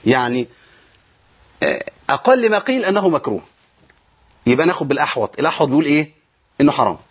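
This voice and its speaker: A man with an Egyptian accent teaches Quran reading in an online lesson, talking fast in a husky, fairly high voice. He breaks the rules down step by step and answers his own questions. The recording sounds dull and lo-fi. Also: very animated. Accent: Egyptian Arabic. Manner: explains step by step, asks questions and answers them himself; recites verses slowly.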